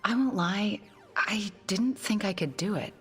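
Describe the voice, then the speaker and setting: A woman's voice: mid-range voice, unhurried, fairly bright tone, slightly rough, faint music behind. An actress playing a sardonic, self-doubting witch in a video game. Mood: wry. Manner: sardonic, blunt. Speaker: game character. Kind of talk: video game cutscene acting.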